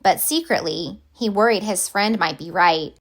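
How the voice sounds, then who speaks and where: Here a woman with a mid-range voice narrates a children's picture book, shaping each phrase deliberately and expressively.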